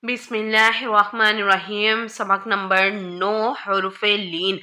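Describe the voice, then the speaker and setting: A woman teaching a Quran reading lesson, explaining rules clearly and then spelling out syllables slowly, one by one. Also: medium pitch, little pitch movement, sharp tone. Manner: slow, drawn-out letter-by-letter recitation.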